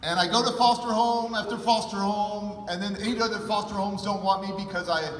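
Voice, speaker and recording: Bright-voiced man speaking in an echoey hall. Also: high-pitched, fairly even intonation, a little fast. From California, USA. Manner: emotive, shifts from hushed to loud for emphasis. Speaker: conference keynote speaker. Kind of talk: personal storytelling talk. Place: large hall with an audience. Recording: echoey hall, mic at a distance.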